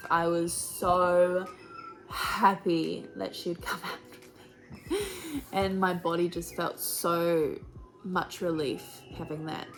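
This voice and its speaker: A young woman telling her own story in a casual vlog, chatty and animated, laughing often and acting out what others said. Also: medium pitch, rough recording.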